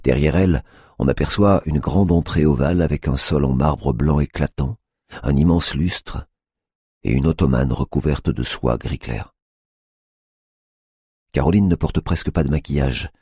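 Audiobook narrator: a man with an extremely low, gravelly voice, measured and grave, recorded dry. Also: dark tone, no echo. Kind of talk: scripted narration.

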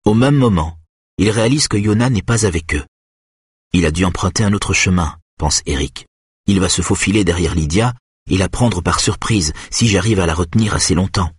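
A man reading a tense thriller aloud as an audiobook narrator, in measured, steady storytelling. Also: low voice, husky, dry recording, studio quality.

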